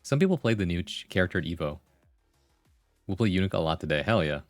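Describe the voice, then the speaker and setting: Low-voiced man chatting casually on a livestream. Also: big pitch swings, quick pace, dry recording, faint music behind. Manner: slangy, conversational, full of "like" and "bro". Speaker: livestream host. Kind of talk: casual chat with viewers, reading comments aloud.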